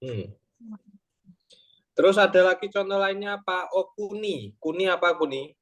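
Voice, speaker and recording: A man's voice: high voice, lively intonation, unhurried. Patient young man tutoring Japanese. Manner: patient, explains step by step with tag questions. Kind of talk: online Japanese lesson explained in Indonesian.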